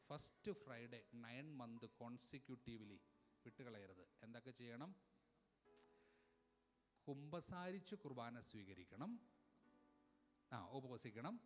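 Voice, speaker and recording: A man, a priest, preaching an animated sermon, calling on the crowd to respond and mixing in English words. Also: mid-range voice. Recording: long hall reverb.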